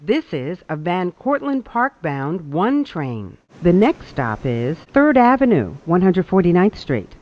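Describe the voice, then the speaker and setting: A recorded subway announcer heard over a train loudspeaker, speaking in measured, evenly spaced phrases. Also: medium pitch, very animated, lo-fi sound. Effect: played over a train loudspeaker.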